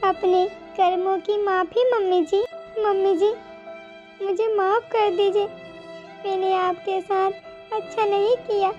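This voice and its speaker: A woman voicing a sharp-tongued young daughter-in-law in a cartoon, scolding and snappy. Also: very high-pitched, flat delivery, takes it slowly. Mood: remorseful. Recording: slightly dull, music behind.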